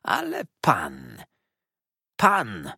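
A man voicing a sneering, venomous young male clerk who hisses his words in spite, in a storybook reading, with a husky voice in a dry recording. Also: huge pitch swings, extremely slow, bright, forceful tone, no room sound, full character voice. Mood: spiteful. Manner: hissing, shrill, spiteful.

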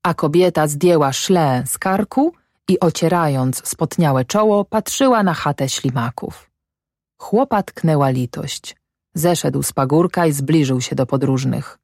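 A woman narrating an audiobook of a classic novel in a measured, even way. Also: deep voice, no room sound, studio quality.

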